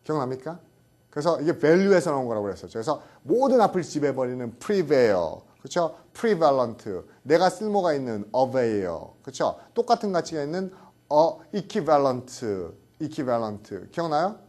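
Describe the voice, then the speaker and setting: A middle-aged male lecturer teaching vocabulary with a lively, swinging delivery. His tone is mellow and fairly high for a man, and he keeps repeating terms and checking that his students follow. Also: measured pace. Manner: animated, repeats words and checks with "그쵸?". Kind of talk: classroom lecture.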